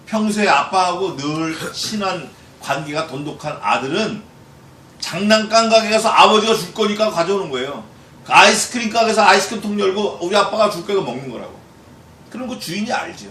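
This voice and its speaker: A male pastor giving a Bible exposition sermon in a lively way, acting out quoted voices and putting questions to the congregation. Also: high voice, brisk. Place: church hall. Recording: echoey church hall, distant mic, faint noise.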